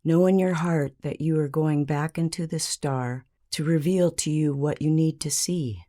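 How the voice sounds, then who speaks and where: In a low voice, she reads a guided meditation from a script, calm and measured. Long pauses punctuate her soothing delivery.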